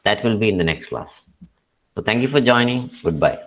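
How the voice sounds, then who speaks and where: Slow-speaking male teacher with a Malayali accent. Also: on the low side, expressive, fairly bright tone, poor audio. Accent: Malayali English. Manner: switches between English and Malayalam, explaining step by step with restarts. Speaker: English teacher. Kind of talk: lecture.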